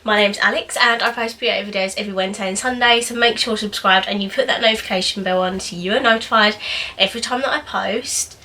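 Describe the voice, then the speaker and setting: A young adult beauty vlogger with a slightly nasal voice, still getting over a cold, talks fast with a sharp tone at medium pitch. She rambles chattily through a makeup review in her small bedroom, full of "um"s and restarts. The recording is from a distance, with slight background noise.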